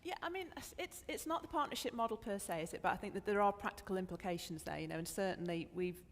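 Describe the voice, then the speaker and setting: A woman's voice: medium pitch, animated, quick pace. A woman on a legal panel drawing on long experience to explain how firms adopt technology. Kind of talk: panel discussion. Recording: reverberant conference hall.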